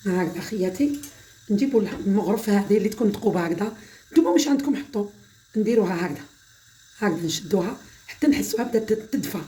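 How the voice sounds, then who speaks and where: Fast-talking Algerian woman with a mellow voice. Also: medium pitch, slight background noise. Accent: Algerian Arabic. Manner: chatty, repeatedly calls viewers "my sisters". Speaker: home cooking channel host. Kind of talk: casual home-remedy demonstration.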